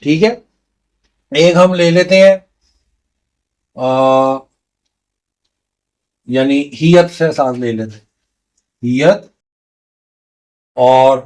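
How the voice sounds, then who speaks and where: A man's voice: a little high, drawn-out words, long pauses, a little mellow. A man teaching a beginner language lesson, patiently repeating each sound step by step. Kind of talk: slow explanatory lesson.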